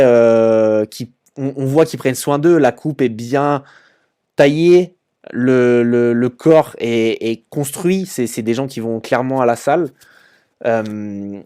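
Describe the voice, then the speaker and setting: A young man talks casually as he walks through a website on screen, stumbling over repeated words and fillers. His voice sits at an ordinary middle pitch, and he sounds informal and conversational. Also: a little mellow, smooth. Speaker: e-commerce channel host. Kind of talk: casual screen-share commentary.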